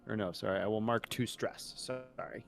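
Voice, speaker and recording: A man's voice: lowish voice, steady tone, moderate pace, creaky, faint music behind. A man chatting casually as a player in a tabletop game, saying what his character does.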